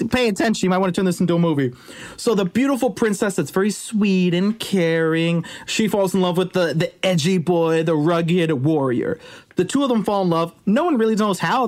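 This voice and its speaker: A podcast host retelling an old legend in a casual, conversational way, with joking asides to the listener. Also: mid-range voice. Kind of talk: casual storytelling.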